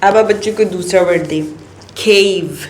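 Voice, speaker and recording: A woman's voice: on the low side, moderate pace, echoey room, slight background noise. A woman teacher guiding parents through a phonics rule, mixing Hindi-Urdu and English and often checking in with "okay?". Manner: acts out the child's answers in a lively voice.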